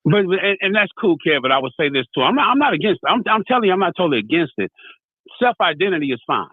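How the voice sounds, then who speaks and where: This American radio talk host has a high, breathy-edged voice that swings widely in pitch and moves fast. He debates casually yet passionately, tells stories, acts out lines, and often says "you know what I mean." The tinny, phone-like audio has no echo.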